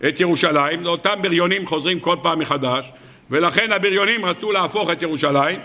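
A man's voice: a little high, pushed and bright, in a large hall. A man teaching a religious lesson, telling a story and asking rhetorical questions that he then answers. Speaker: Torah teacher.

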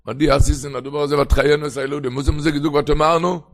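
A man's voice: fairly high pitch, little pitch movement, fast talker, soft background music. A man giving a traditional religious lecture in an emphatic manner, often slipping into a sing-song chant. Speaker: religious teacher.

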